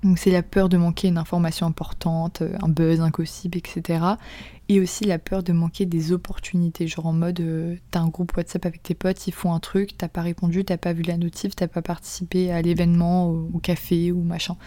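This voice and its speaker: A young woman hosting a podcast in a casual confessional monologue, chatty and slangy, often dropping into soft whispered asides. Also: lowish voice, flat delivery, brisk, no echo. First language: French. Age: young adult. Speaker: podcast host.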